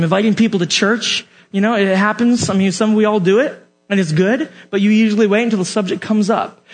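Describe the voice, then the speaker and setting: A young man with a notably high voice preaches to his congregation. He tells stories in an animated way, slips in jokes and keeps putting direct questions to his listeners. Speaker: youth pastor. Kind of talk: sermon.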